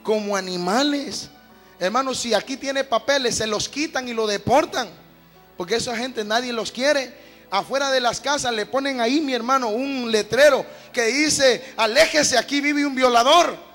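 Emphatic male preacher, very high gravelly voice, echoey hall, light music. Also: normal speed, a bit bright. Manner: emphatic, addresses listeners as brother. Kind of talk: fiery sermon with Bible reading.

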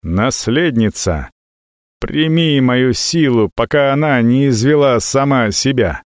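A man voicing an ancient, scornful dragon, speaking low, slow and quietly menacing in a fantasy audiobook. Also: expressive, no echo. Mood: commanding.

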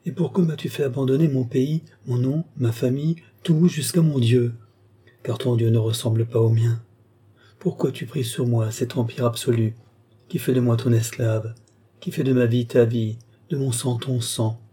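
A man's voice: mid-range voice, steady tone, normal speed, mellow, husky, natural voice. A man reading as a passionate young woman. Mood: anguished. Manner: pleading, impassioned delivery. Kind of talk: audiobook character reading.

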